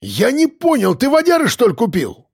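A man's voice: very high voice, huge pitch swings, moderate pace, vocal fry, a little mellow, slightly rough, no echo, pitched above the performer's own voice, exaggerated voice. Stern exasperated village policeman, voiced by a man, barking, dry close sound. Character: gruff village police officer, stern but jumpy.

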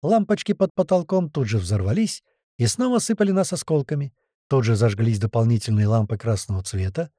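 A man narrating an action audiobook in an expressive storytelling manner. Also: mid-range voice, a little fast, no room sound, studio quality.

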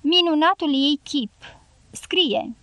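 A woman reading as a cynical, deadpan male journalist. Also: high voice, no echo, voice pushed up, exaggerated voice. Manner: dry, flat and mocking. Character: world-weary cynical male Soviet journalist.

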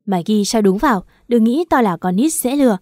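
A coarse male debt collector barks blunt threats in this audio story, read out by a woman. The tone stays mellow and dark despite the menace. The sound is dry and close. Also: on the high side, lively intonation, brisk, no echo, natural voice. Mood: threatening.

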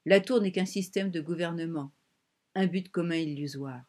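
A proud, domineering strongman of a castaway colony, as a woman reader puts him on, curt and cutting in an audiobook telling. His lines come in a plain reading voice with little change of timbre, and at times he drops to a breathless hush. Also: fairly high pitch, moderate pace, lightly acted. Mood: angry. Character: proud, domineering male island strongman, former singer.

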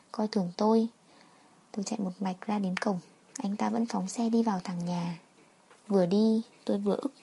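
A woman narrating a first-person story in a quiet, wistful reading. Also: medium pitch, breathy edge.

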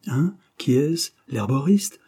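A man's voice: mid-range voice, expressive, slow pace, mellow, husky, voice pushed up. A man reading aloud and voicing a boastful, brash young art critic who chases women, in a mocking, raised voice.

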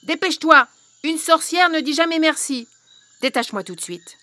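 A woman reading a storybook aloud, voicing a cruel, greedy old witch who snarls, shouts and barks orders. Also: fairly high pitch, expressive, unhurried. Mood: furious.

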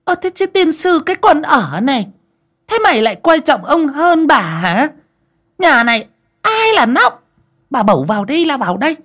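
A narrator voicing a cruel mistress of the house who scolds in a sour, shrill voice. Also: very animated, normal speed, pauses often, breathy edge. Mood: shouting.

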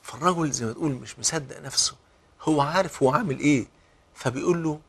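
درس ديني بصوت رجل بلهجة مصرية، صوته مرتفع النبرة قليلًا وإيقاعه سريع جدًا. يخاطب جمهوره بحماس ويمثّل الحوارات أثناء الشرح. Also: male voice, on the high side, quick pace, slightly rough. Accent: Egyptian Arabic. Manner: animated, acts out quotes with big swings in loudness. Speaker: preacher. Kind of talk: sermon.

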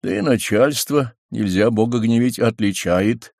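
A man's voice: medium pitch, unhurried, darkish tone, no room sound, clean studio sound. A man voicing a plain-spoken male soldier servant in a folksy, easygoing way within an audiobook reading. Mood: approving.

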